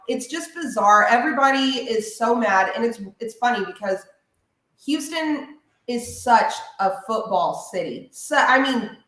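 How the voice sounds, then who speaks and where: A woman who hosts a sports radio show, ranting in an animated, opinionated way during a casual podcast chat. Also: fairly high pitch, measured pace. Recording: very echoey room.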